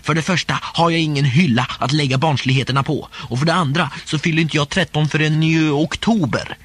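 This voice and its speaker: A man narrating a humorous first-person diary story aloud in a playful, expressive way. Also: on the high side, husky. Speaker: audiobook narrator.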